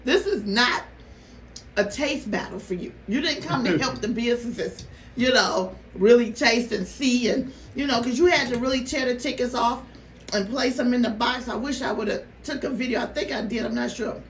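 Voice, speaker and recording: A woman vlogger telling a story casually to her viewers, animated and exasperated, with rhetorical questions. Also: a little high, moderate pace. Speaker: mukbang vlogger. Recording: roomy, noisy, distant microphone.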